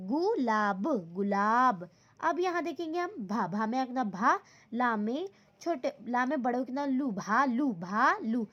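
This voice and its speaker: A woman teaches young children an online Hindi lesson. She has a high voice and speaks patiently, repeating words and breaking them into syllables. The recording is dull and lo-fi. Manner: patient, repetitive, says "ठीक है" often, breaks words into syllables. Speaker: school teacher.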